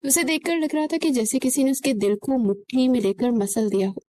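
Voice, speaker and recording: A woman narrating a romantic novel in an emotive, expressive reading. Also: sits high.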